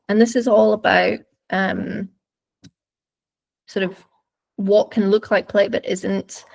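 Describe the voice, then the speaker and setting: A woman's voice: mid-range voice, vocal fry. A woman dog trainer giving webinar commentary over videos, explaining thoughtfully and searching for words as she goes.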